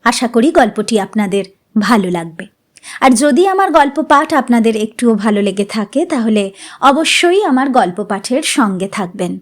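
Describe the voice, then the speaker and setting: A woman's voice: fairly high pitch, normal speed. A woman reading a funny short story aloud, narrating expressively. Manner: expressive, dramatic.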